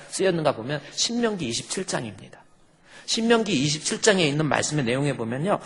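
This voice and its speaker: A middle-aged male pastor preaches with a husky, slightly higher voice. He gives an emphatic sermon and puts on voices for churchgoers' stubborn replies. His voice rings with long reverb through a church hall. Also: fairly bright tone. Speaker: senior pastor. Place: church sanctuary.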